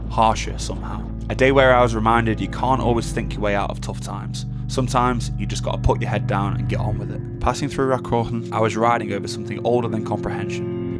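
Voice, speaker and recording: Male narrator, young, low and thoughtful, guitar music behind. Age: young adult. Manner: calm, measured, thoughtful. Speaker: documentary narrator. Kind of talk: reflective scripted narration.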